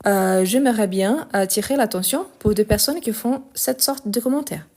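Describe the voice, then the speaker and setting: In a live stream, a woman from France and Brazil with a Lyon accent teaches French grammar in a mid-range voice. She explains carefully, spelling out and repeating verb forms slowly, and grows indignant as she firmly answers critics.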